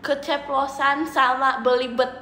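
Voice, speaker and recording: Giggly young indonesian woman on a livestream, super high bright voice, echoey room. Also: steady tone, unhurried, a little hiss or hum. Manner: giggly, bubbly, often laughing and singsong. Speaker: idol livestream host. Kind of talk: casual livestream chat.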